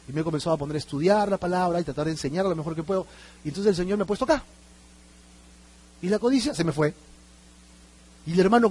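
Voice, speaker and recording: A man preaching a sermon to his church, animated and acting out little exchanges between church members. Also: high voice, slightly rough. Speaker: pastor.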